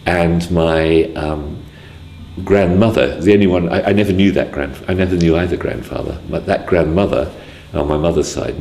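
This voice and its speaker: Man in his sixties, from Wales, hesitant, very low voice, echoey room. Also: vocal fry, darkish tone, slight background noise. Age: 60s. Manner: hesitant, full of ums and restarts. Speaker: interviewee. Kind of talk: casual spoken memoir.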